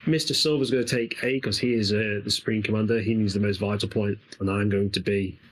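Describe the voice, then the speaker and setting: A man's voice: lowish voice, fairly even intonation, fast talker, low-quality recording. An English man with an East Midlands accent, chatting casually and rambling while commentating a co-op game, laughing often. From England. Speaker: gaming channel host.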